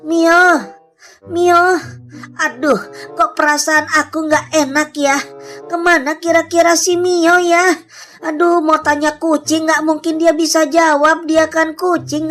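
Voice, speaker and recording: A woman's voice: high-pitched, a bit bright. A woman narrating a game roleplay as a frightened girl searching for her friend, talking anxiously to herself and calling out over faint background music. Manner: anxious, talks to herself, calls out repeatedly.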